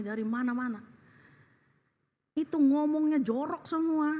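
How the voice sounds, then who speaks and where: A woman's voice: sits high, dark tone. A woman preaching a sermon in a blunt, emphatic way, dropping English phrases into her talk.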